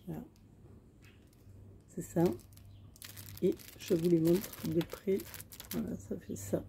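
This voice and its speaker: Unhurried chatty woman, mellow low voice. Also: steady tone, vocal fry, slight background noise. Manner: chatty, hesitant, many fillers. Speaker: crafting vlogger. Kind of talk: casual show-and-tell haul. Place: outdoors in sunshine.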